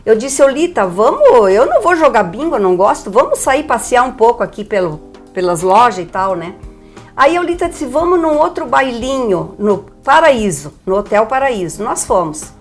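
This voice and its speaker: A woman's voice: a little high, moderate pace, faint music behind. An older woman from Brazil, telling her story with energy as a guest on a TV interview. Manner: lively, animated storyteller.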